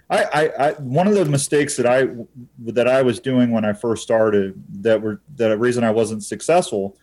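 A man's voice: fairly low pitch, a little mellow. A man talking as a podcast guest, explaining hunting methods step by step in a folksy, casual way. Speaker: podcast guest, turkey bowhunter. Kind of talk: casual interview chat.

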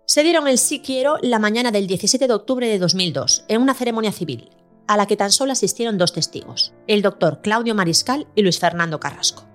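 A woman hosting a podcast, reading a scripted documentary narration in a measured storytelling way. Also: medium pitch, lively intonation. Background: faint music.

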